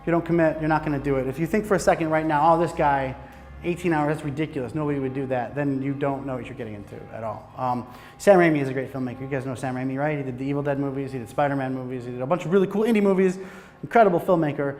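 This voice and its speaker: Racing along at medium pitch, a man with a somewhat mellow tone gives a casual, humorous filmmaking talk; he's a film director from Michigan with an American accent. The hot lecture room sounds like a large hall, with faint music in the background. He is animated, swears freely and restarts his sentences often.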